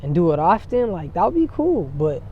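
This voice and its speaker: This young rapper guest from San Diego, USA speaks high and very animated, fairly quickly, with a slight hiss or hum in the background. He chats loosely in a casual interview, rambling and leaning heavily on fillers, captured in dull lo-fi outdoor audio.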